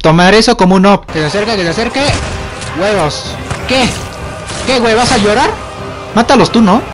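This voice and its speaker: Jumpy, high-voiced Mexican gamer. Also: male voice, normal speed. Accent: Mexican Spanish. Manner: joking, slangy, easily startled. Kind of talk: let's play commentary. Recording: game music playing behind.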